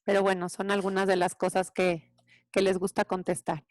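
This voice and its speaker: A woman teacher gives an animated parenting talk, acting out children's voices. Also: mid-range voice, normal speed, no room sound.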